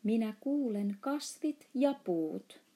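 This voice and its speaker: A woman's voice: a little high, lively intonation, mellow, lightly acted. A woman voicing a big, kind male giant who speaks in broken grammar and made-up words, read aloud from a storybook.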